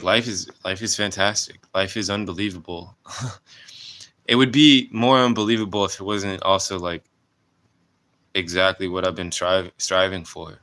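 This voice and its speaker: In a reflective personal vlog, a man in his late twenties speaks earnestly but haltingly, restarting his sentences. His voice sits very low yet sounds bright and clean, and his pitch stays fairly even throughout.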